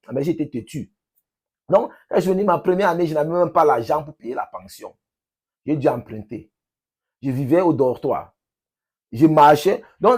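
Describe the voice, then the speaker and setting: A man from Cameroon with a Cameroonian French accent, talking casually to his subscribers in an emphatic, repetitive, halting way. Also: on the high side, darkish tone, husky. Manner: emphatic, repeats phrases, halting with restarts. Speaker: vlogger, language teacher.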